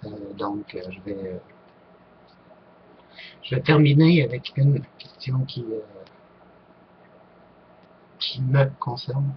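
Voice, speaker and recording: A man with a Québécois accent answers viewer questions in a casual talk to camera, speaking slowly with long pauses. His mid-range voice is hesitant and full of fillers and restarts. The audio sounds dull, with slight background noise.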